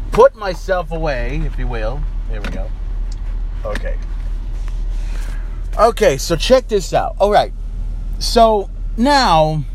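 A man with a mid-pitched voice records a podcast inside a truck cab, with light vehicle noise around him. He talks off the cuff and informally. His commentary rambles and circles back over the same phrases. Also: a little mellow. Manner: rambling, informal, repeats himself. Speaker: podcast host. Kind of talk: casual solo podcast commentary.

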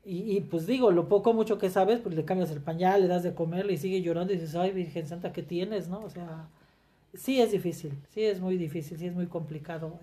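A woman's voice: on the low side, warm tone. A middle-aged woman, reflecting candidly in conversation, often restarting her sentences. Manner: reflective, speaks in halting restarts. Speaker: guest sharing her story.

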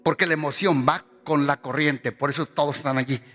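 High, bright-voiced pastor preaching. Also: male voice, fairly even intonation, a little fast, faint music behind. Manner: passionate preaching, repeating phrases, rising pitch on quoted voices. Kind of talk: sermon.

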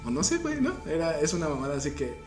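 A man's voice: on the high side, wildly swooping pitch, racing. A young man with a Mexican accent, casually telling spooky family stories in slangy, laughing speech. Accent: Mexican Spanish. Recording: echoey room with faint music.

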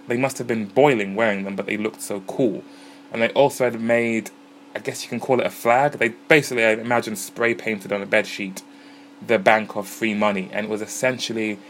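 Against the din of a crowded pub smoking area, this man hosts a music podcast, talking about bands and gigs in a loose, easygoing, self-deprecating way. His voice is on the low side with a fairly bright tone, mixing casual narration with interviews.

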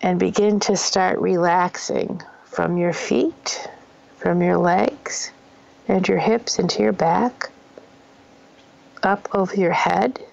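A woman host guiding a grounding meditation in a soothing, gentle, unhurried murmur. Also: fairly low pitch, fairly even intonation, vocal fry, lo-fi sound. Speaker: host of a spiritual self-help show.

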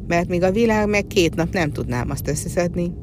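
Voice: medium pitch, lively intonation, background noise, natural voice. A storyteller voicing a worried young servant hero of a folk tale who sighs over his hopeless tasks. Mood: plaintive. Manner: sighing, lamenting.

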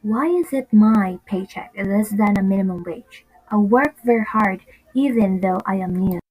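A woman's voice: mid-range voice, normal speed, a little mellow, breathy edge, close to an everyday voice, low-quality recording. A woman playing a devoted, determined single mother in an amateur audio drama, earnest and emotional. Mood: pleading.

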